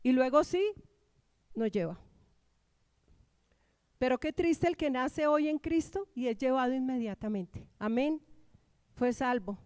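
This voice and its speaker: High-voiced woman pastor preaching. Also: lively intonation, a little slow, pauses often, darkish tone, clear, resonant tone, no room sound. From Colombia. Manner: emphatic preaching with call-and-response prompts. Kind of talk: sermon. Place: church.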